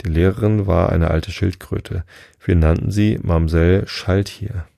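A man voicing a sad, sighing mock turtle creature in a storybook reading, slow and tearful. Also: sits low, steady tone, vocal fry, mellow, no room sound, clean studio sound. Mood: mournful.

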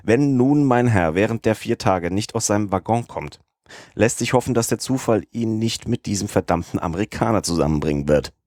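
An eager, worried young manservant, as a male narrator reads him in a storybook. He fusses and frets about his master's safety. The voice is deep and the sound is close and dry. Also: lively intonation, fairly quick, a little mellow, no room sound, lightly acted.

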